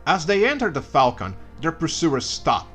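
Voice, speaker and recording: Guy narrating a comedy story recap, bright and kind of sharp, sarcastic asides, faint music underneath. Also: a little high, wildly swooping pitch, moderate pace. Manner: sarcastic asides and mock outbursts.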